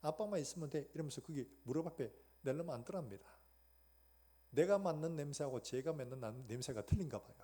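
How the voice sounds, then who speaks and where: A man's voice: mid-range voice, a little fast, warm tone, breathy edge. A middle-aged male pastor preaching a sermon, telling a story in a chatty way and acting out the voices of the people in it. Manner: conversational storytelling, acts out quoted voices.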